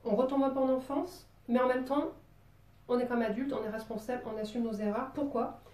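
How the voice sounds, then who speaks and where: A playful woman with a southern French, Marseille accent talks through a drawing tutorial in a loose, chatty way, with plenty of little fillers. Her voice is dark and mellow, and it sits a bit away from the mic in a roomy, echoey space. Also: fairly high pitch, steady tone, a little fast, distant mic. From Marseille, southern France. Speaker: drawing teacher.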